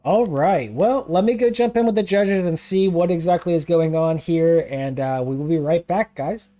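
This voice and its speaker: A man's voice: on the high side, moderate pace, dark tone. A man hosting and commentating a live online drift competition, talking casually with lots of fillers and self-corrections. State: has the hiccups.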